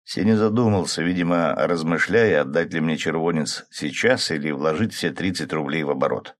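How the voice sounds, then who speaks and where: Deep-voiced man reading a story. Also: moderate pace. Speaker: audiobook narrator. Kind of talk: first-person audiobook narration with dialogue.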